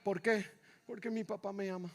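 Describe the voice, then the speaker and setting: A man preaching a sermon in church, repeating his phrases with passion and swinging from shouts down to near-whispers. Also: high voice, steady tone, moderate pace. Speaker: pastor. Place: church sanctuary.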